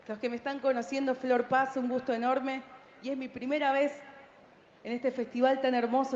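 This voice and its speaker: A woman's voice: high-pitched, darkish tone, slight background noise. A young woman singer talking to the crowd from a festival stage between songs, heartfelt and thankful. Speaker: folk singer. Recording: dull live sound with music.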